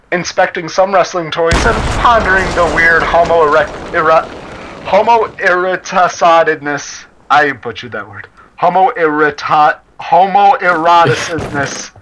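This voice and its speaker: Man reading a story in game chat. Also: fairly high pitch. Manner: laughs and stumbles over words while reading. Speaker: story reader. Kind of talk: casual reading aloud to friends during a game. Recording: noisy game chat with gunfire. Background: game gunfire and clicks.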